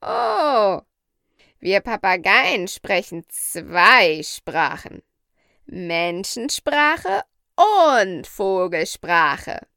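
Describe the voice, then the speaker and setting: A woman voicing a proud, bossy female parrot in a storybook reading, speaking slowly and emphatically. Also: fairly high pitch, big pitch swings, vocal fry, fairly bright tone, dry recording, clean studio sound, heavily acted. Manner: slow, emphatic, lecturing.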